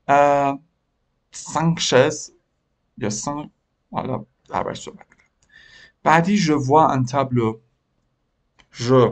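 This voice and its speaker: Male teacher leading a French lesson, medium pitch, drills phrases word by word and quizzes his learners. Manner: repeats French phrases slowly, word by word, then explains; addresses learners directly with questions. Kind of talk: language lesson.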